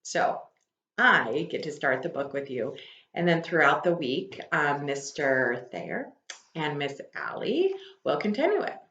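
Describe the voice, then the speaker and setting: A deep-voiced woman with a fairly bright tone reads to students a little slowly, her pitch swinging widely. She explains the story conversationally and poses questions. The audio is muffled and reverberant.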